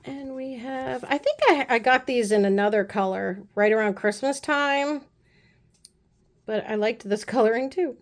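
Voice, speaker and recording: A woman casually chatting through a nail art haul, gushing and often dropping her voice to soft low asides. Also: normal speed. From United States. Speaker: beauty vlogger. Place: apartment room.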